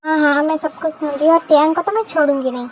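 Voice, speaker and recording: A woman's voice: high-pitched, steady tone, quick pace, slight background noise, lightly acted. A woman voicing a fussy, doting middle-aged mother-in-law who coaxes a shy girl in a fan-fiction voice story. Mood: coaxing. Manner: fussy, coaxing.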